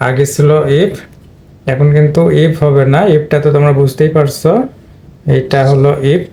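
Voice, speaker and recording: Speaking directly to his class in Bengali, a man from Bangladesh breaks down English spelling and pronunciation one step at a time. He sounds mellow and a little high, with a flat delivery at an ordinary pace.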